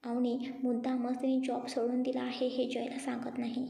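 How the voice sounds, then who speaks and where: High flat-voiced woman storyteller. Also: normal speed, vocal fry. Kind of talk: scripted story narration. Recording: dull echoey room.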